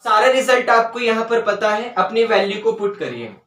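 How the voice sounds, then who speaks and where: A man teaching a maths lesson step by step, often checking whether students follow and slowly dictating terms as he writes. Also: high-pitched, big pitch swings, fairly bright tone, recorded from a distance. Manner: dictates English terms slowly while writing. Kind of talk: board-work maths lesson. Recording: roomy sound, voice away from mic.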